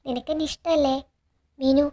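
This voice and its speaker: A woman's voice: sits high, steady tone, moderate pace, warm tone, natural voice. A woman reading out a nervous young man in love. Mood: pleading.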